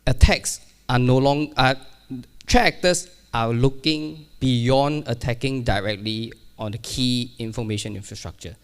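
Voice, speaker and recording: At a conference hall, a man gives a keynote on cybersecurity in a medium-pitched, clear, resonant voice, speaking a little slowly. His delivery is casual and self-deprecating, with many fillers and restarts.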